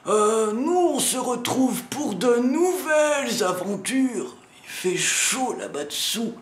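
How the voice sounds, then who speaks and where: This is a comic sketch: a channel host announcing meetups plays a grumpy, foul-mouthed old lighthouse riddle-keeper, heavily acted in a very high-pitched, very animated voice delivered slowly. He gripes and scolds the viewer through a sore throat. The sound is roomy, with slight background noise.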